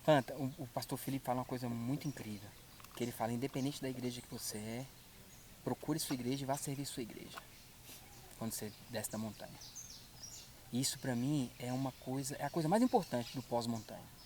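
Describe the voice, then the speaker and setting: A man's voice: mid-range voice, brisk, a little mellow, a little hiss or hum. A man speaking as a podcast guest, earnest and repeating his points for emphasis. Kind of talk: casual chat.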